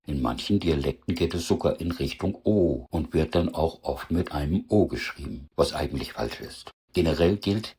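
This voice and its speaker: A man with a northern German accent teaching a dialect lesson, pronouncing example words slowly and carefully. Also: rumbling low, darkish tone, breathy edge. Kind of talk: explanatory lesson with spoken word examples.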